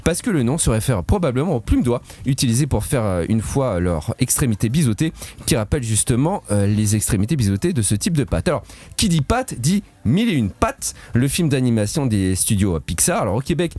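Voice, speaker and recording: A man's voice: mid-range voice, big pitch swings, brisk, dark tone. A man from Switzerland, presenting a playful, punning radio quiz segment in a studio. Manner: playful, punning, laughs at his own jokes.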